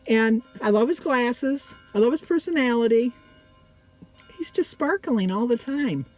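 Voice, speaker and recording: A woman's voice: fairly high pitch, lively intonation, measured pace, a little mellow, faint music behind, rough recording. A middle-aged or older woman vlogger chatting casually to her viewers, rambling and often breaking off mid-sentence.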